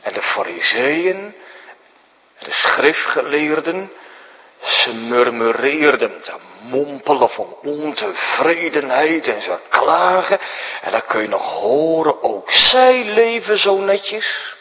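A man preaching a sermon, explaining things to children, jumping high for emphasis and sinking to a hushed whisper. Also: very animated, slow, in a large hall, dull audio. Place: church.

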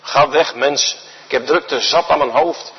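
A preacher playing an exasperated, gruff judge. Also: male voice, a little high, unhurried, heavily acted. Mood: annoyed. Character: impatient, irritated male judge. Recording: dull recording with long church reverb.

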